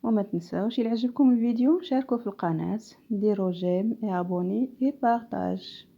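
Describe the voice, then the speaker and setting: A woman's voice: mid-range voice, rapid-fire, vocal fry, highs cut off. A woman teacher giving a video grammar lesson, switching between French and Arabic and reading example sentences aloud. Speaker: primary school teacher.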